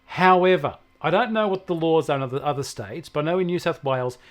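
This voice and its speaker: Fielding questions as a guest tech expert, this Australian man talks in a conversational style and leans on everyday examples. He speaks a little fast, and his voice is slightly high.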